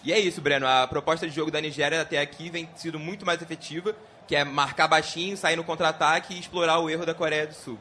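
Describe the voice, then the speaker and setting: A man's voice: fairly high pitch, fairly even intonation, fast talker, hardly any pauses, bright, forceful tone, a little hiss or hum. A Brazilian man giving live analysis of a football match as a pundit.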